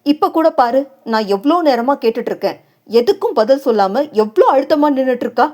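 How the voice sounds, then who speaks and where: An earnest young man, protective and gently consoling, as a woman narrator acts him out in an audio novel. The voice is her own, a little high, in plain speech. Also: animated, a little fast.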